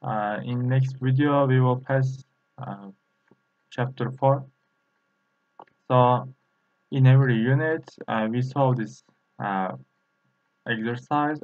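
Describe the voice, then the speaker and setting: A man teaching in a halting, repetitive way, practicing tones by drilling syllables one at a time. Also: mid-range voice, no room sound. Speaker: Chinese language teacher. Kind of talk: slow pronunciation lesson, practicing tones by repeating syllables. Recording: dull lo-fi recording.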